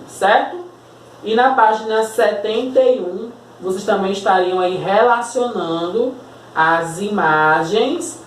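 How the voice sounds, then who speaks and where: A woman's voice: medium pitch, a little hiss or hum. A Brazilian woman teacher with a Brazilian Portuguese accent, giving a recorded lesson, patiently spelling out words and checking in with tag questions. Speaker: school teacher. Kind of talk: recorded remote class lesson. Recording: echoey room, voice a bit far from mic.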